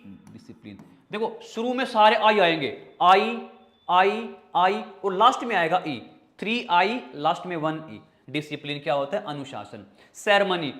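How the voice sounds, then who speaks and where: A man's voice: sits high, a bit bright. A man with a Hindi accent teaching an online vocabulary class, asking questions and answering them himself while spelling words out in pieces. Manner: addresses students as brother and child. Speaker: English teacher.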